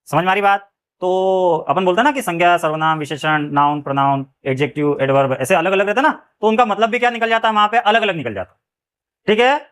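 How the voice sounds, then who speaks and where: Man, high voice, English phonics teacher, keeps asking the class questions, answers them himself, often checks in after a point. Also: fairly bright tone. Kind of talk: classroom-style phonics lesson.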